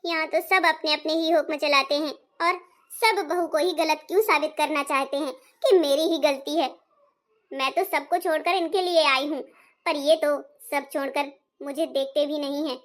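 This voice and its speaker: A woman's voice: high-pitched, steady tone, moderate pace. A woman as a put-upon young bride. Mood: complaining. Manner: complaining, soft-spoken. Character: put-upon young daughter-in-law, sad and dutiful. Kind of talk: family skit acting.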